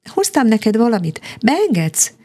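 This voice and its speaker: Woman voicing a gentle, kind young girl. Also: on the high side, big pitch swings, pitched above the performer's own voice. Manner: soft and coaxing.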